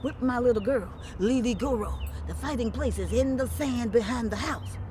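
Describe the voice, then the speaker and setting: A woman with a Lowcountry Gullah Geechee accent voicing an unbothered, commanding mother in a folktale, firm and matter-of-fact. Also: normal speed, natural voice. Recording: clearly noisy background.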